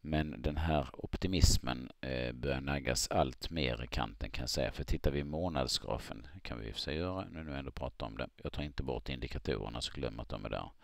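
A man with a very low, gravelly voice gives a screen-recorded chart analysis. He talks in a halting way, thinking aloud and filling pauses as he goes. The sound is dry and close, with no room around it. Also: no room sound. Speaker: market analyst.

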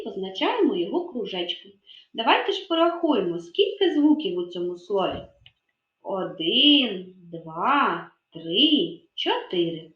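Slow, lively-voiced kindergarten teacher. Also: female voice, medium pitch. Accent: Ukrainian. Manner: slow, clear, sound-by-sound enunciation. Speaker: preschool teacher. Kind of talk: literacy lesson for young children. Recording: echoey room, dull lo-fi sound.

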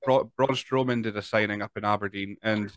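Fast-talking Scottish man in his thirties. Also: on the low side, steady tone, no room sound. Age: 30s. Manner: chatty, stumbles and repeats words. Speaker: podcast host. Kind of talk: casual interview chat. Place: home room over a video call. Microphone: large studio mic with headphones.

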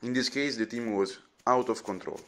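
A man's voice: medium pitch, normal speed, a bit bright. A teenage man with an Italian accent, narrating a voice-over about making his game in an earnest, explanatory way. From Italy. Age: teens. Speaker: game developer.

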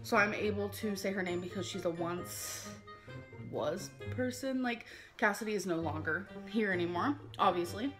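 A woman's voice: medium pitch, moderate pace, music in the background. A woman talking casually on a livestream, rambling and leaning on the word "like". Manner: rambling, heavy use of filler "like".

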